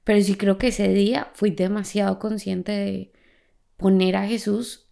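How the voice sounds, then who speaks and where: Woman podcast host with a heavily creaky voice, an animated storyteller in a faith conversation. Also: medium pitch, measured pace. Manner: animated storyteller who laughs as she talks.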